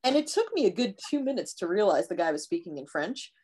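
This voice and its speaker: A woman in her thirties co-hosting a casual podcast chat, chatty and quick to laugh as she tells stories. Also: lowish voice, breathy edge. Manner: chatty, laughs often, animated storytelling. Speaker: podcast co-host.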